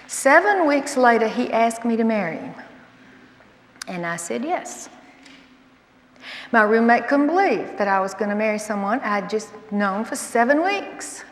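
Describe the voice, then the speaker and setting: A woman in her sixties from Alabama with a Southern American accent, telling personal stories in a folksy, animated way as a Bible teacher. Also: a little high. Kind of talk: storytelling talk. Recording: echoey hall with long reverb.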